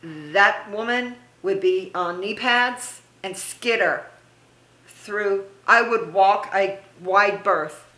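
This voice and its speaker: A middle-aged woman, a theme park haunt performer, reminisces casually as an interview guest, gushing with praise and laughing often. Her medium-pitched voice is slow and sharp, heard through reverberant, poor audio.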